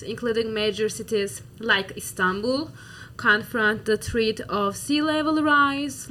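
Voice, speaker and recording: A woman with a Turkish accent delivers formal, recited remarks in a student discussion. Her voice is bright and a little high. It sounds read rather than spoken freely. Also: slight background noise. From Turkey. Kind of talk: student discussion role-play, reading prepared remarks.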